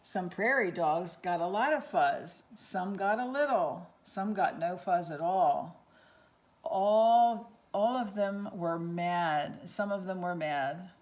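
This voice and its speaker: A woman reading a picture book aloud at storytime, expressive, with asides about the pictures. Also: on the low side, takes it slowly, hardly any pauses. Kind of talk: read-aloud storytime with voices.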